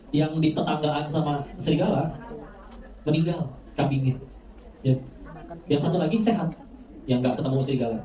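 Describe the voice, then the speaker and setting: A man's voice: mid-range voice, warm tone. A man preaching a casual, joking religious lecture to a crowd, often asking them questions and tagging lines with "ya". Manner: conversational, asks the crowd questions, frequent "ya". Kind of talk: lively religious lecture with jokes and audience questions. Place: mosque hall. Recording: echoey hall, mic heard from a distance.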